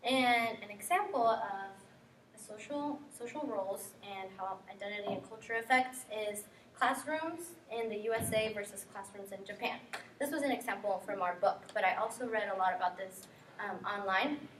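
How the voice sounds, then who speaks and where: A woman's voice: mid-range voice, moderate pace, a bit bright. A young woman from Guatemala giving a student class presentation, earnest and full of ums and likes. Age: young adult. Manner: earnest, filler-heavy with frequent ums and likes. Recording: echoey classroom from far off, faint noise.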